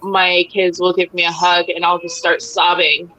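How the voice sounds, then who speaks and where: A young mother talking as a guest over a video call, hesitant and emotional, with many pauses and "um"s. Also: on the low side, flat delivery, pushed and bright, rough recording. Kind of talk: casual interview talk.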